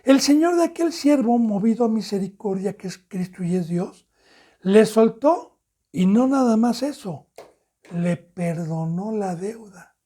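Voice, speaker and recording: A man's voice: high voice, a little slow, warm tone. A man with a Mexican Spanish accent, preaching a sermon as pastor and acting out the lines of the parable's characters.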